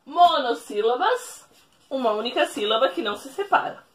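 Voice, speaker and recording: A Brazilian woman teaches at a whiteboard in a recorded remote classroom lesson, speaking slowly, repeating each rule and checking in with the class. Her voice is high-pitched and animated.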